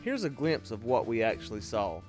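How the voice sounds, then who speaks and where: A man narrates a camping trip vlog in a plain, recommending voice-over. His pitch is middling. A clear music bed plays under him. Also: sing-song, normal speed.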